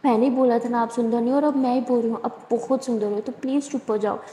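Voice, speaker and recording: A woman voicing a playful, teasing young biker woman in a storybook romance, with a high voice and an echoey room behind her. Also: steady tone, fast, close to an everyday voice. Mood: soothing. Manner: playful teasing, then soft and soothing. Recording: echoey room with long reverb.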